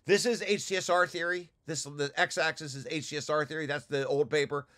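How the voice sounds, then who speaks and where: A man presenting a research paper to his study group talks through shared slides in an informal, technical way, often restarting and echoing his own phrases. He has a fairly high, fairly bright voice with a steady tone, and he speaks a little fast.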